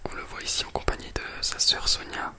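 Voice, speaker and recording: Close to the binaural microphone, an ASMR presenter whispers breathily, library-quiet, about a book and a film, moving along fairly quickly.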